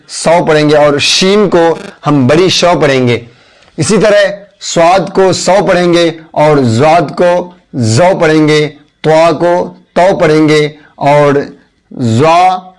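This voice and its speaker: A man talks through an alphabet lesson at a slow, unhurried pace. His voice sits a little high for a man, and he patiently repeats each letter and its sound one after another. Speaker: Urdu teacher.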